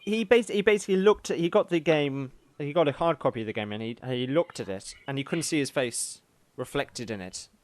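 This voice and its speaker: A man co-hosting a podcast in casual chat, delivering jokes deadpan. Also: medium pitch, brisk, hardly any pauses. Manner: deadpan joking. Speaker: podcast co-host.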